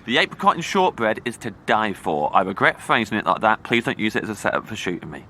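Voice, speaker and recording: A man's voice: on the low side, very animated, fast talker, bright, forceful tone, a little hiss or hum, heavily acted. An actor playing a naive, flustered, earnest man who rambles, in an audio comedy. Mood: earnest pleading. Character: naive, cheerful, flustered man obsessed with treats.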